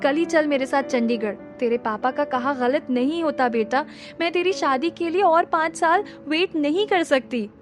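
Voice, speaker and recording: A woman's voice: sits high, normal speed, pitched above the performer's own voice, natural voice. A woman voicing a doting but stubborn middle-aged mother who talks in an insistent, scolding way. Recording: music playing under the voice.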